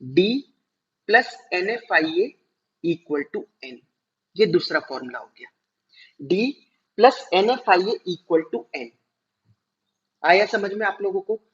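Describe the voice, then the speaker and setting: A male teacher giving a classroom lecture, explaining step by step, slowing down to spell out terms and checking whether students follow. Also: high-pitched, animated. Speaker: commerce teacher. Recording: dull lo-fi recording.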